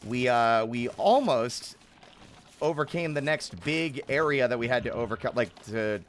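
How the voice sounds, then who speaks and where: A man's voice: medium pitch, lively intonation, unhurried, slight background noise. A man live streaming a game, chatting informally with his viewers and often interrupting himself. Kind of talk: casual live stream chat while playing.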